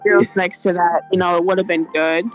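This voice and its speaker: A woman's voice: on the low side, little pitch movement, brisk, soft background music, rough recording. A young woman co-hosting a casual gaming podcast, chatty and lecturing, often laughing. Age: young adult. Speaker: podcast co-host. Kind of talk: casual group chat.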